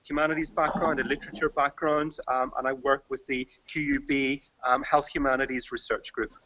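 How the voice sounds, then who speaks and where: A man explaining informally as an event organiser, in halting academic phrasing. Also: mid-range voice, level tone, noisy background. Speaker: conference organiser. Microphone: video call. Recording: dull lo-fi video call audio.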